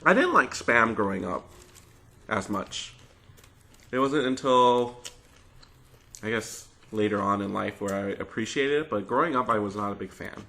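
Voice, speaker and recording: A man chatting casually as a mukbang host, musing out loud in a loose, tentative way. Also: on the low side, lively intonation, moderate pace, creaky, pauses often. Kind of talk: casual chat over a meal.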